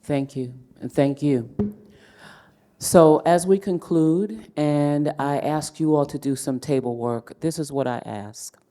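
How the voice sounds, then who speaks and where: A man's voice: on the high side, slow pace, dark tone, in a large hall. A man moderating a conference session, encouraging the audience to speak up and take action. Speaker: event moderator. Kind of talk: addressing a conference room.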